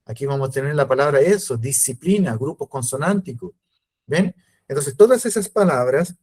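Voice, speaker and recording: A man's voice: mid-range voice, darkish tone. A man teaching a virtual class, explaining step by step and checking in often with his students. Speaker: lecturer. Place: home, video call. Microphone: computer mic on video call.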